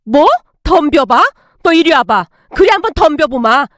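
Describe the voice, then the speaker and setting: A woman brings to life an enraged older mother-in-law in her sixties, barking scoldings in a high voice. Her pitch leaps up and down as she rants. The sound is dry and close, as in a storybook reading. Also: lively intonation, normal speed, dry recording. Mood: furious scolding. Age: 60s. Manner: scolding, shouting in anger. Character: hot-tempered sixties mother-in-law, shouting. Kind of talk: storytelling with acted dialogue.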